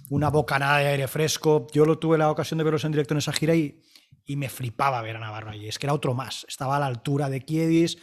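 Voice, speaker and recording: A man, debating music in an emphatic, enthusiastic way, often repeating words. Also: on the high side. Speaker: panelist.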